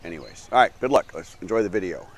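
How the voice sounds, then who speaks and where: This older man from the US Midwest, a vlogger based abroad, talks to camera outdoors beneath a metal roof. He speaks fast in a low register and is very animated, wandering off topic, fixing his own words and laughing quietly as he goes.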